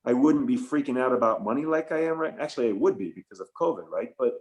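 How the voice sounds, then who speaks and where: A man's voice: medium pitch, animated, fast talker, a little mellow. Enthusiastic, reflective man on a call. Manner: enthusiastic, reflective, with fillers and restarts. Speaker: guest, photographer and former tour business owner. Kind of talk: casual interview talk.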